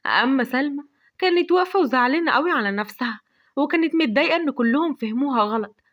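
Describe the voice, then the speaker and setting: Brief: Egyptian woman storyteller, high voice, rapid lively narration.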